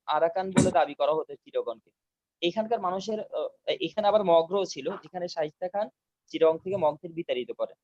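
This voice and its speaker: A man teaching a class over a video call, repeating key terms slowly so students can take notes. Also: sits high, a little mellow, lo-fi sound. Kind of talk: online class lecture. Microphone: video call mic.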